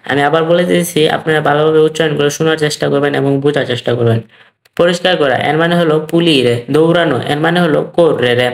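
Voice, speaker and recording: A patient language teacher drills vocabulary, saying every word twice and drawing out the example phrases. The voice sits at an ordinary middle pitch. The recording carries a clear roomy echo. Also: fairly even intonation. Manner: slow and repetitive, drilling each word twice; stretches out the practice phrases. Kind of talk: language lesson. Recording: roomy echoey room.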